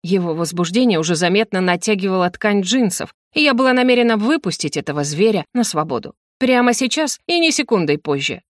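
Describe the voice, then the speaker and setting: A woman narrating a romance audiobook in first person, expressive and playful. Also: medium pitch, brisk, few pauses, no echo, studio quality.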